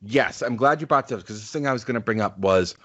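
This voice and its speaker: His pace is quick here, the medium-pitched voice fairly bright though the highs are cut off. He is a man in his forties co-hosting a podcast, chatting casually in an earnest, reflective manner with many fillers.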